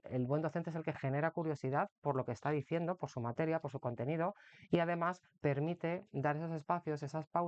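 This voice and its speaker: Male instructor, slightly high voice, explanatory lesson, muffled close recording. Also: darkish tone, dry recording. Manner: explanatory, uses rhetorical ¿no? often. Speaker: course instructor for teacher exam candidates. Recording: dry, dull lo-fi recording.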